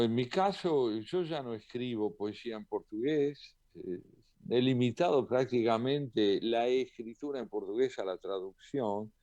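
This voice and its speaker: An Argentine poet and translator gives thoughtful, measured interview answers, pausing now and then with small hesitant fillers. His mid-pitched, dark voice sounds dry and close to the mic in a dry, lo-fi recording.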